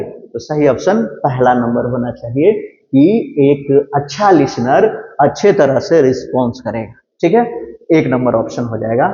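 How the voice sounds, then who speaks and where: A male teacher giving an exam-prep lecture, explaining step by step and reading English phrases slowly. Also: on the high side, dark tone. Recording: echoey room, dull lo-fi sound.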